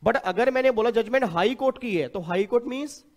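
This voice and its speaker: A man giving a tax class, lively, asking his students questions and answering them himself. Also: very high-pitched, fairly quick. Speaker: tax lecturer. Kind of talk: classroom lecture.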